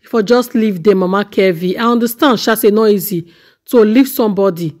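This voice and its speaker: A woman's voice: medium pitch, a little fast, a little mellow. A woman with a Nigerian accent hosting a reaction channel, commenting on a clip in a gossipy, exclaiming way. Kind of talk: casual commentary on a video.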